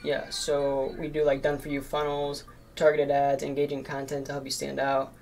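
A man's voice: mid-range voice, monotone, moderate pace, vocal fry, darkish tone, faint music behind. A man in his late teens making sales cold calls and talking between them, nervous and full of fillers like "um" and "like". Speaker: marketing agency owner cold calling. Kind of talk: recorded cold calls and casual commentary.

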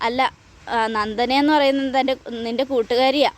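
A woman's voice: high-pitched, fairly even intonation, moderate pace, close to an everyday voice. A woman reading as a jealous young fiancée. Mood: needling.

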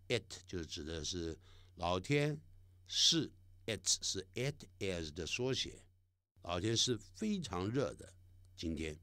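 Slow, lively male pronunciation teacher. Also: low voice, no room sound, studio quality. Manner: slow drawn-out demonstration of sounds. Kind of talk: language lesson.

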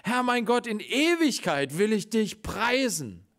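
Animated German preacher, lively pitch. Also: male voice, unhurried, creaky. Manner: animated, swings between loud exclamations and hushed, quiet passages; acts out quoted voices in the story. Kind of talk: sermon. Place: church.

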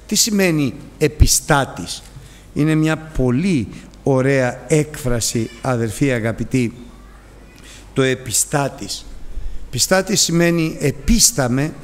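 A man preaching a sermon in a church hall, his voice trailing off into a long reverb. He tells the story with drama, jumping high and dropping low in pitch and loudness. His voice sits at an ordinary middle pitch for a man. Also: animated.

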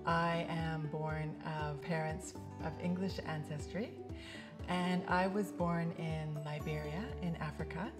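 A woman's voice: low voice, fairly even intonation, slow, music in the background. A middle-aged woman introducing herself to the camera as a facilitator and coach, speaking in an earnest, reflective way from a studio set. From Canada. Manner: earnest and reflective, speaks with open hand gestures. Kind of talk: scripted-sounding personal introduction to camera. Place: bright indoor studio set.

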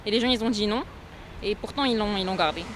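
A woman's voice: mid-range voice, very fast. A young woman, chatting in a street interview and mixing languages. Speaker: passerby interviewee. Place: city street outdoors. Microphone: handheld reporter mic. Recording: faint street noise.

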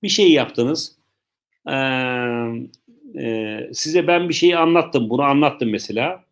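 A man teaching English in a live online lesson, explaining slowly, repeating himself and joking with viewers' questions. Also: medium pitch.

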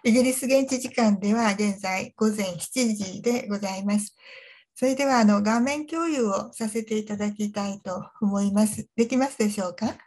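A woman's voice: medium pitch, moderate pace, darkish tone. A woman speaks over a video call from overseas as she begins a lecture. She is polite and a little hesitant, and she uses fillers as she gets started. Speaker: seminar lecturer and lawyer. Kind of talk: lecture given remotely. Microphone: video call from abroad.

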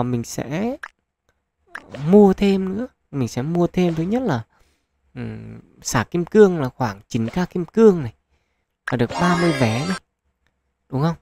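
Casting: male gaming host, gravelly texture, rambling casual commentary with fillers, bursts of excitement. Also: on the high side. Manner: chatty, thinks aloud with many fillers; excitable at lucky pulls. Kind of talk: casual gacha game commentary.

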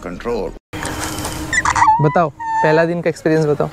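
A man's voice: a little high, wildly swooping pitch, normal speed, loud music behind the voice. A man teaching a beginner to ride a motorbike, patient and encouraging, repeating short instructions. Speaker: riding instructor, vlog co-host. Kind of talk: casual coaching chat. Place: outdoors on a road, beside traffic. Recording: loud traffic and engine noise.

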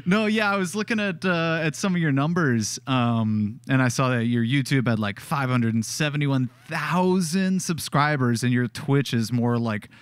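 A young man hosting a casual interview, talking in a relaxed, rambling way and laughing easily. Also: mid-range voice, normal speed, few pauses, clear, resonant tone, dry recording. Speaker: interview host.

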